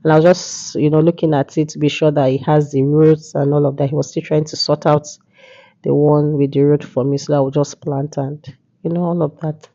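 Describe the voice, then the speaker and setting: A woman vlogger from Nigeria, congested from a cold, narrates a market visit in a casual way, peppering it with "yeah" and "you know." Her deep voice is level and fairly quick. The tone is dark, with the highs cut off.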